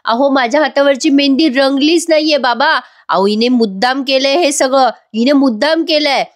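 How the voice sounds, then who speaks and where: A lady doing a bossy shrill young bride, kinda high, scolding everyone. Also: moderate pace, close to an everyday voice. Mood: angry. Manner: scolding, demanding.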